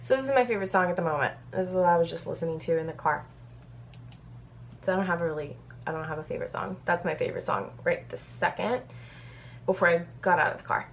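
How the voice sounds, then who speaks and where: Speaking fast in a fairly low voice over faint music, a thirtysomething Brazilian beauty vlogger does a casual get-to-know-me Q&A. She reads the questions from a paper and says "um" a lot.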